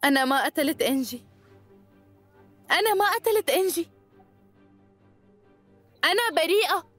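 A woman's voice: very high voice, lively intonation, normal speed, fairly bright tone, faint music behind. A woman dubbing a young woman accused of murder, who is defiant and insists tearfully that she is innocent. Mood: frantic. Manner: insists on her innocence, breaks into tears. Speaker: dubbing actress. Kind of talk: Arabic dub of a TV drama.

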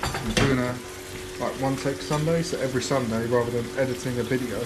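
A young vlogger chats casually and explains what he's doing as he cooks in his home kitchen, filmed on a handheld camera held close. His mid-range voice has fairly even intonation and a brisk pace. A frying pan sizzles in the background.

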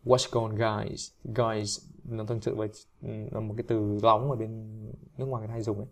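A man's voice: on the low side, level tone, fast talker. A man teaching pronunciation in a casual singing lesson, talking in a chatty, self-deprecating way. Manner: chatty, self-deprecating, breaks into sung demonstrations. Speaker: English teacher.

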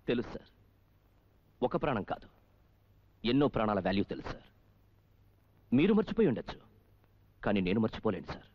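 A man's voice: mid-range voice, very animated, moderate pace, long pauses, dull audio. An actor playing a defiant male police officer in a dubbed film, speaking with impassioned righteousness.

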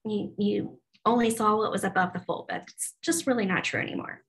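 A woman's voice: medium pitch, fairly even intonation, brisk, a bit bright, poor audio. A woman in her forties giving a staff training on a video call, talking casually with many ums and restarts. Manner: chatty, frequent ums and restarts. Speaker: web development presenter. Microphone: video call laptop mic.

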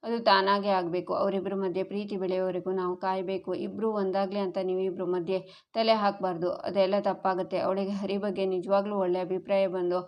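A calm, caring elder brother speaks gently and reassuringly, as a woman reads his part. The voice is mid-pitched and flat in contour. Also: brisk, natural voice.

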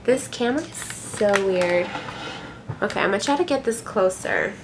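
A woman's voice: medium pitch, expressive, moderate pace, a little hiss or hum. A young woman from Ukraine, answering viewer questions in a casual vlog from her bedroom, frank and chatty with lots of fillers and some swearing. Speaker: vlogger. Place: small bedroom, indoors.

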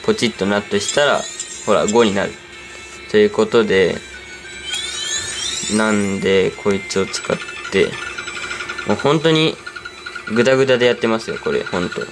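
A man's voice: fairly low pitch, expressive, moderate pace, long pauses. A man giving easygoing game commentary, rambling and talking to himself as he plays. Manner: rambling, easygoing, talks to himself while playing. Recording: clear background music under voice. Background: background music.

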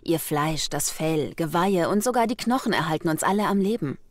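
Stern hunting teacher, solemn, instructive, lowish voice, dry sound, dubbed game dialogue. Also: female voice, expressive, brisk, no echo. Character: stern woman hunter teaching village children.

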